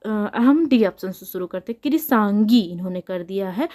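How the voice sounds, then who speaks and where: A woman's voice: medium pitch, expressive, normal speed, mellow. A young woman teaching a spelling lesson for exam preparation, patiently repeating each answer and asking it back to the viewer. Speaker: Hindi exam tutor. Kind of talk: spelling lesson explained while writing.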